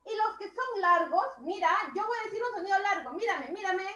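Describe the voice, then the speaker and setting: A woman's voice: very high-pitched, lively intonation, echoey room, lo-fi sound, a little hiss or hum. A woman teacher giving an online class to young children, drawing out her words and praising each child. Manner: slow, drawn-out words, warmly praising children. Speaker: primary school teacher.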